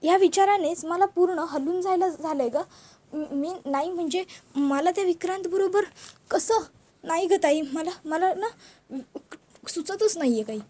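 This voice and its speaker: A woman voicing a distraught young woman who pleads anxiously and can barely calm down. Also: very high-pitched, moderate pace. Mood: distressed.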